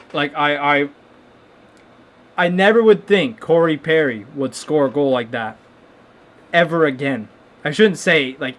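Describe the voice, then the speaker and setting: A young man hosting a live hockey watchalong, reacting casually and excitedly with lots of restarts and stunned exclamations. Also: medium pitch, slight background noise. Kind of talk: casual live game commentary.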